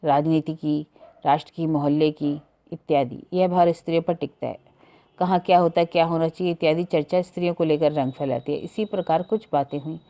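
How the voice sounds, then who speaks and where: A woman narrating a literary short story in a measured, even storytelling manner. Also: sits low. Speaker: story reader.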